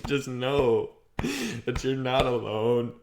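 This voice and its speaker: A man talking through his feelings in a rambling, halting, reflective monologue, clearing his throat often and swearing casually. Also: medium pitch, steady tone, roomy sound, background noise. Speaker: vlogger. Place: outdoors on a property.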